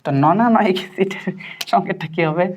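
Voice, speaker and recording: A woman's voice: mid-range voice, fairly quick, darkish tone, a little hiss or hum. A woman teacher, tutoring a student in chemistry and constantly quizzing and checking that she understands. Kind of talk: interactive tutoring lesson.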